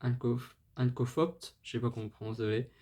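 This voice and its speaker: This man's voice is mid-range, level, brisk, husky and darkish. As a music-channel host telling a band's history, he's casual and excited about the music but stumbling, filling pauses, restarting, and apologizing over foreign names.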